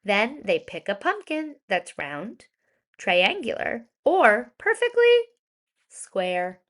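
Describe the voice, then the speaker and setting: Her voice is a little high as she, a children's storybook reader and educator, reads a rhyming tale aloud, giving it expressive, deliberate delivery with emphasized words.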